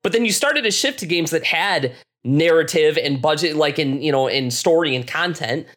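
A man co-hosting a casual podcast, talking in animated rants with frequent restarts. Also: on the high side, normal speed. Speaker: podcast co-host.

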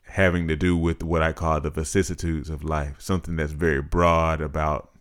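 A man in his thirties co-hosting a podcast, talking in a measured, reflective, casual way. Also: a bass voice, flat delivery. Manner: measured, reflective, practical-minded. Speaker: podcast co-host. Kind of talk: casual chat.

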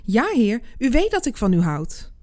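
A woman's voice: a little high, big pitch swings, normal speed, darkish tone. A woman reading the words of the disciple Peter as an earnest, devoted grown man. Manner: earnest, read-aloud quotation.

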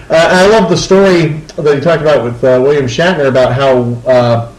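A man co-hosting a casual podcast chat, talking haltingly with lots of fillers and restarts. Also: fairly high pitch, roomy sound, poor audio. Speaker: podcast co-host.

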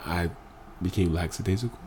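A man's voice: low voice, fairly quick, a little mellow, slight background noise. A man, a podcast guest, talking earnestly and emphatically, stressing points by repeating phrases, still emotional after crying. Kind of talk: emotional candid conversation.

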